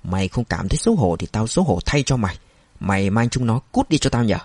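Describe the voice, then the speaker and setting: A bitter, scornful old father, as a narrator puts him on, shouting in a loud, slurred drone. His voice is dark and husky and sits close and dry, in a plain storybook reading. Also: lowish voice, big pitch swings, fast talker, dry recording, exaggerated voice. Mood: scornful berating. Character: angry drunk older father, bitter and scornful.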